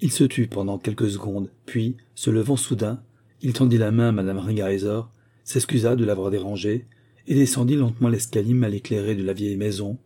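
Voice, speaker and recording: Male narrator, dark husky low voice, measured literary reading. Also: steady tone. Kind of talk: scripted audiobook narration.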